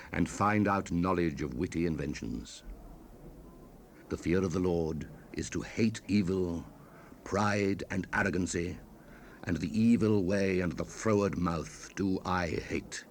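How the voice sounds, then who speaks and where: In a dramatized Bible reading, a man with a low voice speaks slowly, proclaiming as Wisdom personified, a proud, righteous, ancient female spirit. His tone is exalted and commanding. The recording is a hissy rip from a 1970s cassette.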